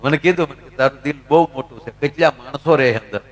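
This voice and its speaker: A man's voice: medium pitch, fast. A middle-aged man with a Gujarati accent, a folk comedian telling chatty anecdotes live on stage and talking to the crowd. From Gujarat, India.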